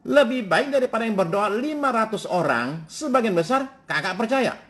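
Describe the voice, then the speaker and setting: Male pastor, fairly high animated voice, sermon mixing formal reading with street-casual asides. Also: moderate pace. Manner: animated preaching, switches between formal scripture reading and casual Jakarta slang.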